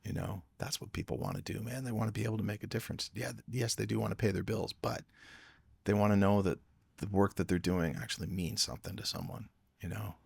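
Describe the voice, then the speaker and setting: A man's voice: on the low side, steady tone, fast, vocal fry, husky, no echo, clean studio sound. A man from Canada, a music producer guest on a podcast, talking earnestly and reflectively and often repeating words as he thinks. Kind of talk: casual podcast conversation.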